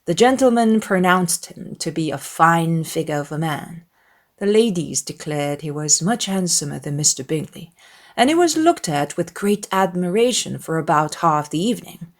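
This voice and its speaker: A woman narrates a classic novel as a dramatized audiobook. Her voice is slightly low, and she tells the story expressively in measured phrases.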